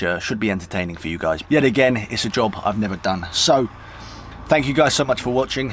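A man's voice: lowish voice, a little hiss or hum. Chatty young man cooking in a van. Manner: chatty and upbeat, talking while cooking. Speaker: vlogger. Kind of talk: casual vlog chat. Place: camper van.

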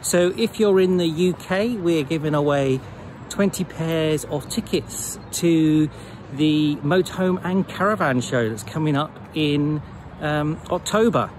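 A man's voice: a little high, unhurried, darkish tone, slight background noise. A British man in his forties chatting casually and informally to camera in an upbeat way while walking outdoors, recorded on a handheld phone. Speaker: vlogger announcing a prize draw. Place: outdoors on a wooded path. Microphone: phone at arm's length.

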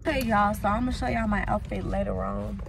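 Holding her phone close, a young adult vlogger chats casually and a little fast, with a medium-pitched, steady, gravelly voice, slangy talk and free swearing. She records in a store fitting room, a car and a crowded outdoor fair where loud music and a crowd play behind her; slight background noise is present.

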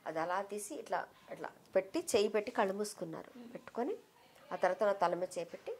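A middle-aged woman as an interview guest, telling a personal memory with heartfelt emotion and softening her voice when she quotes others. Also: mid-range voice, quick pace, a little hiss or hum. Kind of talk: reminiscing in an interview.

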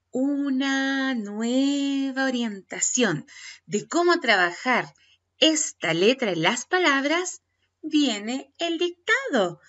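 A teacher, speaking to parents and children, walks through a dictation one step at a time. Her voice is fairly high and very lively, and she speaks slowly. The recording sounds dull and lo-fi. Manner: patient, step-by-step instructing. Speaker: primary school teacher.

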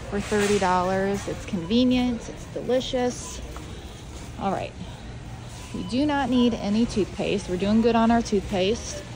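A family shopping vlogger with a medium-pitched voice chats casually as she walks through a large indoor warehouse store, thinking aloud as she goes. The recording is rough, with clear background noise of the warehouse store.

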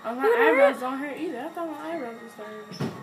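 High, lively female voice under loud music. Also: a little fast. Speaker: guest in a challenge video. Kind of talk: casual banter.

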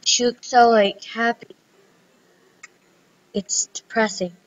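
A woman's voice: on the high side, fairly even intonation, slow pace, highs cut off. A woman giving casual, playful commentary while playing dress-up games at a computer. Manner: giggly, playful, chatty. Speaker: gameplay vlogger.

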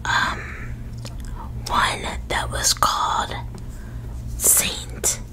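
A woman in her thirties whispering ASMR very close to a microphone, in short, halting phrases as she presents things. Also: sharp tone, poor audio. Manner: whispering, unvoiced, breathy. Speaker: ASMR video creator showing a perfume collection. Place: small indoor room at a desk. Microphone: large desktop USB microphone, very close.

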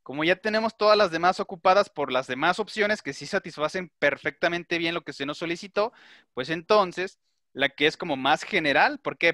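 Male instructor, middle-aged, slightly high and bright voice, methodical lecturing style. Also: dry recording, clean studio sound. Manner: methodical, explains step by step and checks understanding. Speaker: teacher. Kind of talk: online class lecture with questions to students.

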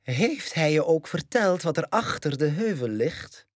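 Man putting on a sneaky lion uncle, silky fake-sweet voice that swoops up and down, slow and breathy, flemish. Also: a little high, sing-song, no room sound, clean studio sound, pitched above the performer's own voice. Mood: sly. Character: sly scheming adult male lion uncle.

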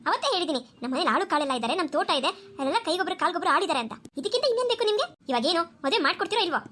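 A woman voicing a proud, quarrelsome middle-aged mother of the groom in a cartoon, loud and indignant. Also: sits high, lively intonation, racing, a little hiss or hum, pitched below the performer's own voice. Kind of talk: cartoon voice acting.

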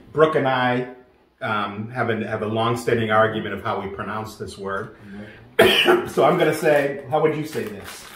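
A man hosting a casual snack review at home, playful and quick to laugh. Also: lowish voice, background noise. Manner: playful, animated, laughs often. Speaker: host of a snack review show. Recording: roomy echo.

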